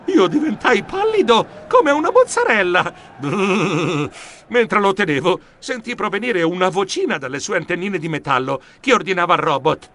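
A man narrating a children's storybook in a lively, expressive manner. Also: high-pitched, moderate pace. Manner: expressive, animated. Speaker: audiobook narrator.

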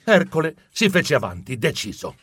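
A man narrating a children's story in an animated, comic and expressive way. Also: fairly high pitch, normal speed, husky, dry recording. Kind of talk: audiobook narration.

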